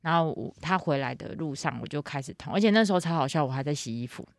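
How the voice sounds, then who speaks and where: A woman in her thirties chatting casually on a podcast, telling a lively story and acting out the lines of other people. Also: deep voice, fast talker, dry recording, studio quality. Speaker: guest mother.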